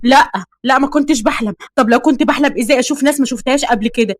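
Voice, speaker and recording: A woman voicing an excitable, joking young female music teacher in an Egyptian accent. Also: sits high, rapid-fire, no room sound, clean studio sound. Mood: insistent.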